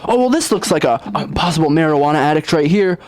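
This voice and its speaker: Man playing a high-voiced, stammering student news reporter; formal but clueless. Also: expressive, quick pace, a little mellow, slight background noise, lightly acted. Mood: flustered. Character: earnest clueless young male campus reporter. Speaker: mock campus news reporter. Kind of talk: comedy sketch acting.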